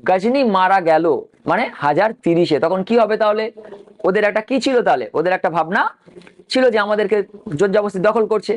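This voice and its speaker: This is a male history teacher with a fairly high pitch, lecturing to prepare students for an exam. Names get dictated letter by letter, and he keeps asking questions only to answer them himself.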